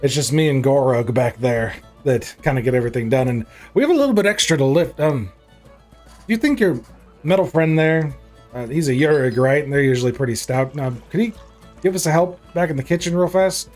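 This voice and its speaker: Male game master as large female orc innkeeper, folksy, chatty, welcoming, mid-pitched, faint background music. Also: a little fast, a little mellow, natural voice. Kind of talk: tabletop role-play character voice.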